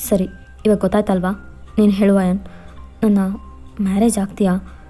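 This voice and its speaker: A woman's voice: medium pitch, level tone, moderate pace, warm tone, faint music behind, lightly acted. A woman voicing an insistent, pleading young man confessing love in a fan fiction voiceover. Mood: earnest pleading. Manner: insistent, coaxing.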